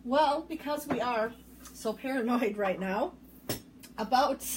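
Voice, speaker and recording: A woman's voice: on the high side, takes it slowly, a little mellow, slight background noise. A woman co-hosting a casual kitchen demonstration, chatty and explaining as she goes, with frequent ums. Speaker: co-host of a demo show. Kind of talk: casual chat while demonstrating recipes.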